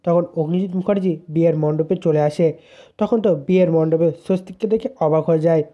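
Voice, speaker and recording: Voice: medium pitch, fairly even intonation, brisk. A narrator plainly retelling a serial's episode as a story. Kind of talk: storytelling recap. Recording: dull lo-fi sound.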